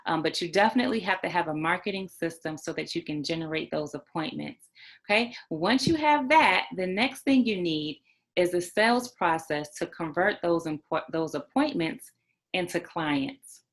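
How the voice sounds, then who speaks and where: A woman's voice: fairly low pitch, animated, normal speed. A woman giving an online training on life coaching, emphatic, repeating key points and checking in with "right?" and "okay?".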